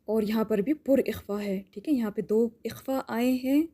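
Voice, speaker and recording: Patient woman tutor with a mellow voice. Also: fairly high pitch. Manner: patient, explains step by step, often asks "theek hai?". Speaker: Quran recitation teacher. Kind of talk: tajweed lesson with slow drawn-out demonstrations.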